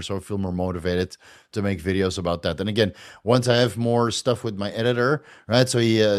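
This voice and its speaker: A Dutch man from the Netherlands hosts a casual livestream Q&A, answering viewer questions and thanking donors in a loose, chatty way. His voice sits fairly low, and he swears and laughs a lot.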